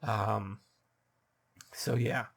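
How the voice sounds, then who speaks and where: Speaking as a dungeon master, this man offers advice in an unplanned monologue, stumbling through ums, uhs and frequent restarts. His pitch sits fairly low with fairly even intonation, and his somewhat scratchy voice carries vocal fry and a breathy edge.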